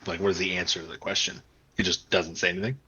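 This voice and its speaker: A man's voice: low voice, fairly even intonation, fast, bright, forceful tone, dull audio. A man playing a tabletop game who asks probing, sarcastic questions. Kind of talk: in-character role-play.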